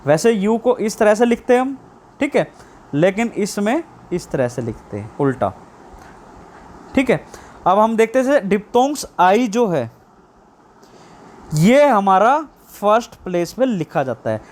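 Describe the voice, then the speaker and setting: A man teaching shorthand online, explaining slowly and repeating key terms as questions. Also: high voice, very animated, a little mellow. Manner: drawn-out stress on English terms. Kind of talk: online lesson.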